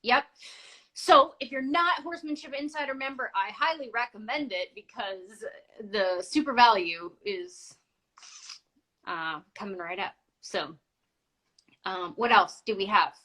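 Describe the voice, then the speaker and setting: A woman co-hosting a casual live show, chatty and quick to laugh. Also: a little high, pushed and bright, rough recording. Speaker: podcast co-host. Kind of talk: casual live-stream chat.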